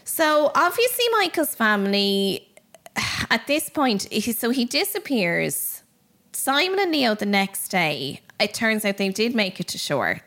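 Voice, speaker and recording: Chatty woman telling a story. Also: mid-range voice. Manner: animated, chatty, lots of fillers. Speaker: podcast host. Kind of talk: casual storytelling chat.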